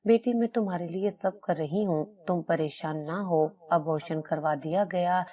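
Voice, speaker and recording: A woman's voice: fairly low pitch, muffled recording, lightly acted. A woman voicing an anxious mother guarding a secret, in an urgent, pleading way. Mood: worried. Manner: pleading, then stern.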